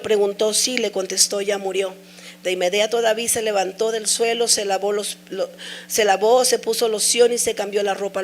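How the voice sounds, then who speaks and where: A woman's voice: mid-range voice, slight background noise. A middle-aged woman preaching a sermon, sharing an emotional personal testimony with earnest, repeated pleas.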